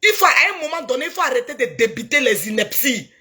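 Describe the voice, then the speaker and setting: A woman's voice: high voice, animated, quick pace, pushed and bright. A woman with an Ivorian French accent delivering a heated, preachy video rant and scolding someone emphatically. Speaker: social media commentator.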